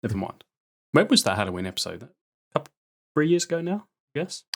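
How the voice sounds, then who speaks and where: A man's voice: on the high side, big pitch swings, fast talker, vocal fry, fairly bright tone. A man bantering casually as a podcast co-host and quiz contestant. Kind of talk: casual chat, joking banter.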